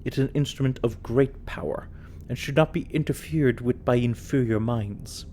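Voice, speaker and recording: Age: adult. Sex: man. Figure: a man putting on a pompous posh British gentleman. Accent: posh British, put on. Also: mid-range voice, normal speed, a little hiss or hum, lightly acted. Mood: haughty, scornful. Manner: pompous, condescending reading. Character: haughty posh British gentleman writing a letter. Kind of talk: reading a letter aloud in a put-on voice.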